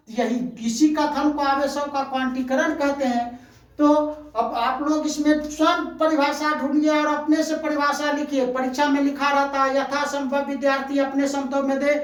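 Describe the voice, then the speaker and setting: Woman teacher, physics lecture, asks and answers her own questions, high flat voice. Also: reverberant. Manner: drills by asking questions and answering them herself; repetitive, emphatic explaining. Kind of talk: Hindi-medium classroom lecture.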